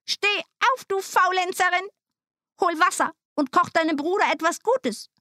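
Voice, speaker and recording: A woman voicing a cruel, greedy old witch in a storybook reading, with a high shrill scolding voice. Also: moderate pace, sharp tone, no room sound, clean studio sound.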